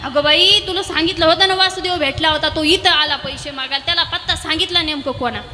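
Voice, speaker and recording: Fussing, flustered village headman husband, as a woman preacher puts him on; high bright voice, pleading, hall echo. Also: quick pace.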